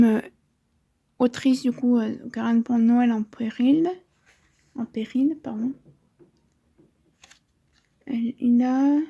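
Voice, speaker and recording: A woman's voice: on the high side, warm tone, breathy edge. A woman in her twenties chatting casually about books she bought, rambling with chatty asides and frequent self-corrections. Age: 20s. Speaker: book vlogger. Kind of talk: casual book haul chat.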